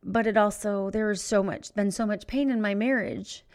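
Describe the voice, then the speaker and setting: A middle-aged woman hosting a podcast, telling a personal story in an emotional, halting way as she searches for words. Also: mid-range voice, fairly even intonation, a little mellow. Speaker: podcast host. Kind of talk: personal reflective monologue.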